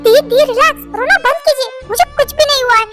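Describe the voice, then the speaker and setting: A woman's voice: extremely high pitch, fast, fairly bright tone, dry recording, faint music behind. A woman doing a meek, pleading younger sister. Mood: soothing. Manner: pleading, soothing. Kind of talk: Hindi fan-dub story voice acting.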